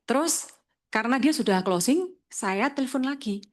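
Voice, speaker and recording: Lively woman storyteller. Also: high-pitched, normal speed. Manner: lively storyteller acting out dialogue. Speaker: insurance agent telling her story. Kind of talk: motivational storytelling talk.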